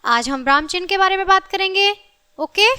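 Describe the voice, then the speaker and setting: A woman teaching a recorded grammar lesson to children, often checking whether they follow and slowing down to stress her examples. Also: extremely high pitch, animated, pushed and bright. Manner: addresses children often, checks understanding with repeated questions; slows down and stresses example sentences.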